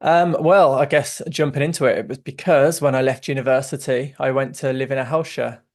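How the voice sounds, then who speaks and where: Guest, English man, faintly Brummie, thirties, earnest and chatty, fairly even pitch. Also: fairly quick. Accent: English, slightly Brummie. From England. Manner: earnest, chatty storytelling with light laughs. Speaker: guest, software co-founder. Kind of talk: casual interview chat.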